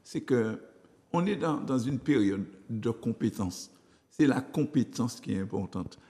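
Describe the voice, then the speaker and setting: An older man with a Martinican accent, a former school head who speaks as a guest in an animated, emphatic way and tells anecdotes. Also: medium pitch, unhurried, in a large hall. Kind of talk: studio discussion.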